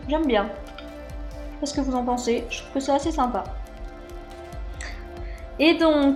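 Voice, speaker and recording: A woman in her thirties chatting casually through a snack unboxing, hesitant, with many fillers. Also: sits high. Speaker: unboxing vlogger.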